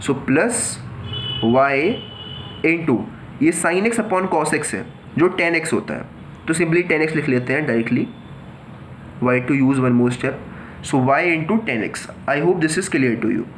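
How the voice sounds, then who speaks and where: A male math teacher walks students through a problem slowly and deliberately, speaking a touch higher than most men. He talks to them as children, asks a question and answers it himself. There is a faint hiss behind him. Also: expressive. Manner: explains step by step, mixing Hindi and English. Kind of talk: whiteboard math lesson.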